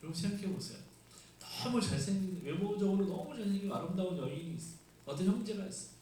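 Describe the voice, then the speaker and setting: A man's voice: high-pitched, expressive, fast talker, dark tone. A male pastor giving a Sunday sermon and explaining scripture in a conversational way, with rhetorical questions. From South Korea. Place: church sanctuary. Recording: echoey room, mic at a distance, faint hiss.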